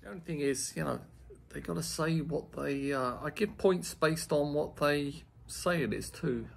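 A man's voice: on the high side, moderate pace, creaky. A man chatting casually as he reviews a beer, rambling and enthusiastic as he tastes. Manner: rambling, enthusiastic tasting remarks.

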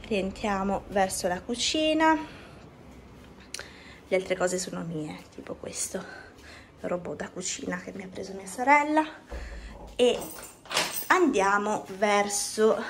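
A woman's voice: medium pitch, lively intonation, takes it slowly, pauses often, slight background noise. A young woman giving a casual home tour, chatting with fillers as she walks through her apartment, filming on a handheld phone. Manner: walking while filming. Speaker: vlogger. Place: apartment rooms indoors. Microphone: phone held at arm's length.

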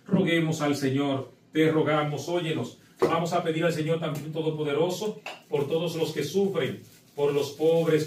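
Middle-aged priest, echoey and distant. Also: male voice, on the high side, darkish tone. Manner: exhorting, then solemn recitation of prayers. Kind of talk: sermon and Mass liturgy. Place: small chapel set with altar, indoors. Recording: echoey room, voice from far off.

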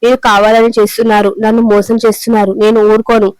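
A woman voicing an angry young man who accuses an old clerk of cheating, shouting his accusations in a smooth voice. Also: fairly high pitch, little pitch movement, fast talker, dry recording, lightly acted, poor audio. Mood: accusing.

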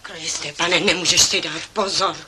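A woman's voice: on the low side, steady tone, natural voice. An actress playing a suspicious, scolding older grandmother who gets tearful. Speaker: grandmother in a film comedy. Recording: noisy old film soundtrack.

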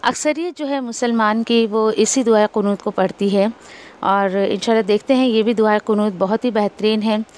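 A woman from India teaching Quran recitation rules, explaining each sound patiently and repeating syllables slowly to show them. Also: medium pitch, darkish tone. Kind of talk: tajweed lesson, explaining and modelling recitation.

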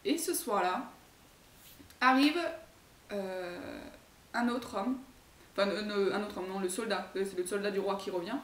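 A woman's voice: mid-range voice, measured pace, pauses often, reverberant, distant mic, a little hiss or hum. A woman telling a story aloud in a casual, laid-back way, with lots of hesitations and laughter. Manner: relaxed, laughing, hesitant with many fillers.

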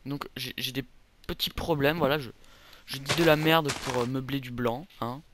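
A young man rambles casually over a video game in a mid-range voice with fairly even intonation and a normal pace, with background noise behind him. His let's play commentary is full of self-deprecating jokey asides.

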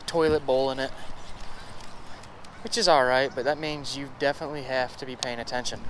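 Fishing by a pond, a man in his thirties vlogs excitedly into an action camera in selfie framing, hyping up his catches to viewers. His voice is mid-range. The outdoor camera captures clear background noise, and the recording is rough.

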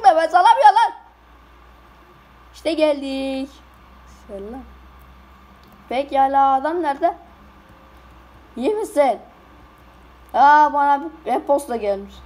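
High-voiced excitable young gamer woman. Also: takes it slowly, pauses often. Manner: excitable, yelps and shouts often; slangy, keeps saying "lan". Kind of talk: casual Roblox voice-chat commentary.

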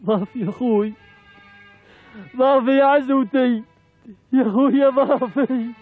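A man's voice: very high-pitched, steady tone, normal speed. An actor playing a passionate Bedouin man devoted to his brother, speaking emotional Bedouin Arabic with repeated, declamatory phrases in a television drama. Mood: overwhelmed joy. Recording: muffled, phone-like, faint music.

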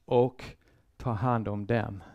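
A man giving a sermon-style Bible lecture, measured and earnest, pausing often and restarting phrases as he thinks. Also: fairly low pitch, fairly even intonation, a little mellow. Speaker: Bible seminar speaker.

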